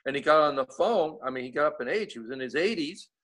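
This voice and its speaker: A man's voice: on the high side, lively intonation, fast, a bit bright. A man with an East Coast American accent, chatting casually as a guest and rambling through many restarts. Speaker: guest giving updates. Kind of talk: casual chat.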